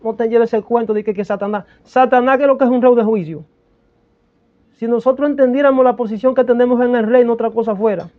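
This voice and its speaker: A man preaching a fiery sermon with prophecy and tongues, swinging between loud bursts and hushed lines. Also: very high voice, fairly even intonation, quick pace. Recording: tinny phone-like sound.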